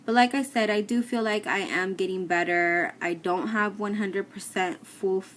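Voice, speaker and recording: A woman's voice: medium pitch, steady tone, moderate pace, a bit bright. A woman giving a casual personal update to camera, explaining things plainly with some hesitation. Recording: clear background noise, room ambience.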